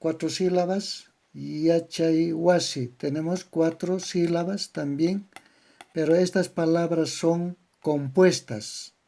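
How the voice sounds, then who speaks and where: Slow, gravelly Bolivian teacher. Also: male voice, a little high, steady tone, warm tone. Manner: spells out syllable patterns slowly, word by word. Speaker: language teacher. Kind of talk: slow didactic lecture on grammar.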